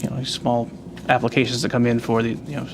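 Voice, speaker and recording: A man giving a spoken report as an agent at a public meeting, with frequent pauses mid-phrase. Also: mid-range voice, flat delivery, gravelly. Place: municipal agency meeting. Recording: faint background noise, meeting room.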